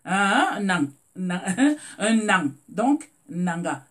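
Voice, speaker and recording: This Cameroonian live stream host, who has a Cameroonian French accent, speaks at medium pitch with big swings, drawn-out words and a fairly bright tone. The talk is informal, full of repeated words during searches for phrasing and greetings to viewers by name.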